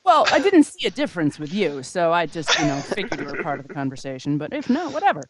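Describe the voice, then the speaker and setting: A woman playing a tabletop role-playing game, playful and quick to laugh. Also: low voice, sing-song, crowd noise. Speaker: player. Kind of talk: casual tabletop game chat.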